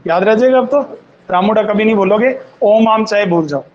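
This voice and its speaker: A man teaching an online grammar class, slowly dictating definitions and repeating phrases for students to copy down. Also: high-pitched, muffled recording, slight background noise. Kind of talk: online Hindi grammar lesson.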